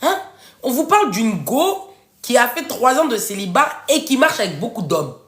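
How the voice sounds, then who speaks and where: A woman hosting a casual live stream, giving relationship advice and answering viewers' comments in an expressive way. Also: a little high, normal speed. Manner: animated and expressive, addresses viewers directly and answers chat. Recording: echoey room.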